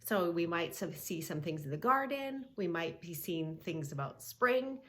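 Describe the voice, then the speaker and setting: A woman with a fairly low, fairly bright, animated voice speaks at a measured pace. She reads a story aloud and walks preschoolers through yoga poses, using simple, encouraging words aimed right at the child.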